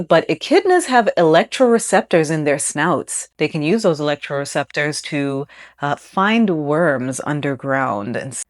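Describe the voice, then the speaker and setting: A young woman hosts a scripted science explainer, mixing read facts with offhand jokes. Her voice sits a little low but swings widely in pitch. She is giggly and prone to sudden excited outbursts. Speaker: science video host. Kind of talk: scripted explainer with casual asides.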